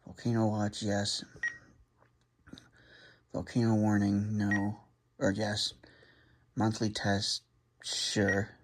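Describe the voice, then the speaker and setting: A man speaks slowly and in a monotone, with long pauses, as he unboxes and sets up a gadget. His voice is fairly low, and he thinks out loud in a casual, unscripted hobbyist-vlogger style, reading each item off in turn and adding short remarks.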